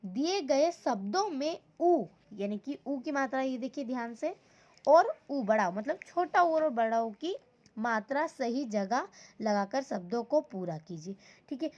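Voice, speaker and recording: A woman teaches young children an online Hindi lesson. She has a high voice and speaks patiently, repeating words and breaking them into syllables. The recording is dull and lo-fi. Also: animated, unhurried, a little mellow. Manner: patient, repetitive, says "ठीक है" often, breaks words into syllables. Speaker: school teacher.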